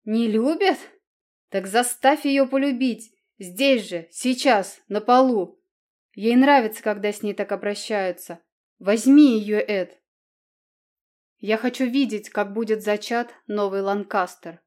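A woman voicing a domineering, cruel middle-aged queen mother who shouts harsh commands. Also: high-pitched, slow, pitched above the performer's own voice. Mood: commanding.

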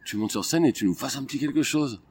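A man's voice: mid-range voice, expressive, fast, darkish tone, breathy edge. A man voicing his hesitant, coaxing old aunt while telling a story.

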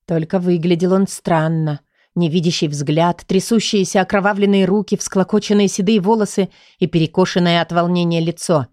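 A woman narrating a first-person audiobook in an even, measured storytelling manner. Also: fairly low pitch, dry recording, studio quality.

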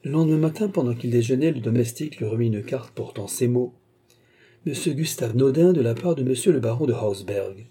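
Man, storybook narration, steady, mellow, husky. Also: mid-range voice, brisk. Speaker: audiobook narrator. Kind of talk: scripted story reading.

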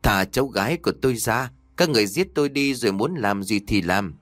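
A man's voice: fairly low pitch, lively intonation, fairly quick, a bit bright, no echo, clean studio sound. A man voicing a desperate old grandmother pleading in a spoken story. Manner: pleading, wailing.

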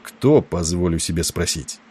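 Guy doing gruff tired old navy captain, really low dark voice, slow and bossy, audiobook. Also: lively intonation. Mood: stern. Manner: gruff, commanding, weary. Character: stern ailing older male ship captain.

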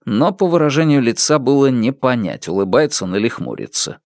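A man's voice: medium pitch, animated, brisk, a little mellow, no echo, clean studio sound. A man reading a novel aloud as an audiobook narrator, telling the story expressively.

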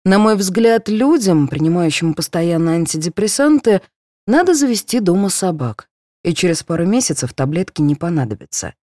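An audiobook narrator, a woman, reads a story expressively in scripted narration. Her voice sits lowish and moves at a moderate pace, captured as clean studio sound with no room sound.

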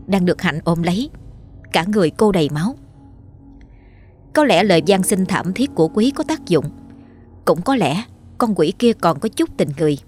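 A woman's voice: fairly low pitch, a little mellow. A woman storyteller giving a dramatic, scripted horror narration. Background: faint music.

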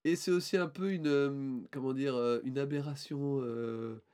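A man's voice: mid-range voice, steady tone, unhurried, warm tone, smooth. A man co-hosting a casual podcast, presenting a band in a rambling, hesitant way with many fillers and restarts.

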